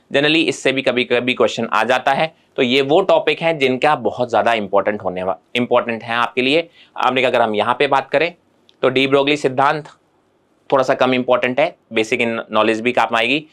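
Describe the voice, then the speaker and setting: A man's voice: mid-range voice, brisk, fairly bright tone, clear, resonant tone. A man teaching an exam-preparation lesson in Hindi mixed with English terms, speaking straight to his students in a reassuring way.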